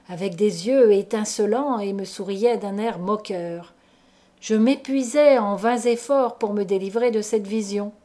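Woman audiobook narrator, slow measured delivery, dramatic, middle-pitched. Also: dark tone. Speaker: audiobook reader.

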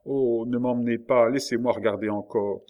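A man's voice: medium pitch, steady tone, moderate pace, dull audio, close to an everyday voice. Man reading as a sorrowful pleading prisoner. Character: melancholy male prisoner, pleading, heartbroken. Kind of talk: audiobook reading.

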